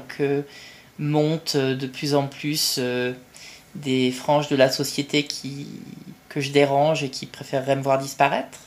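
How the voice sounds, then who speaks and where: A woman co-hosting a podcast, speaking earnestly and in a measured way, with halting restarts. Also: low voice. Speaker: podcast co-host. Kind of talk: casual podcast chat.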